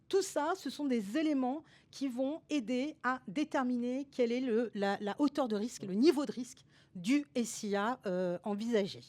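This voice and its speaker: A woman's voice: fairly high pitch, dark tone. A woman consultant explaining a topic over slides in a webinar, hesitant and full of fillers, with restarts and tags at the ends of her sentences.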